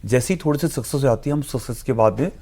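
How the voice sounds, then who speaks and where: Male guest analyst, gravelly, measured lecturing delivery with English phrases mixed in. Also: mid-range voice, dark tone. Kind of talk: explanatory TV discussion.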